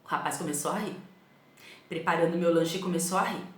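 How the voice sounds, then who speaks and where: A middle-aged woman with a São Paulo accent, teaching a remote class and telling stories in a lively way, often asking "né?". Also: lowish voice, fairly quick. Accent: São Paulo Portuguese. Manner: storytelling, animated, asks the class "né?". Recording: echoey room.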